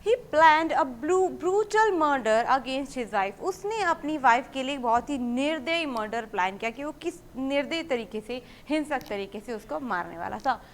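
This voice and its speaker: A woman teaches English vocabulary to students preparing for an exam, walking through each word step by step, posing questions and answering them herself. She reads English example sentences slowly and clearly. Her voice is high with lively intonation, and there's a slight hiss or hum.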